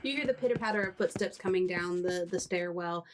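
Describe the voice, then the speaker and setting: A woman's voice: on the low side, fairly quick, slight background noise. A woman narrating as game master of a tabletop game, loose and conversational.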